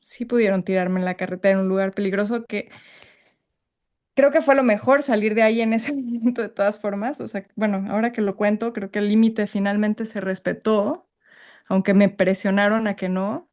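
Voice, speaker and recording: A woman's voice: medium pitch, steady tone, fairly quick, darkish tone. A woman speaks on a group video call, her voice sitting in an ordinary middle range. She is stirred up and keeps reaching for the right words, frank and reflective as she shares with the group. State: emotionally stirred. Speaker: workshop participant. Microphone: video call microphone.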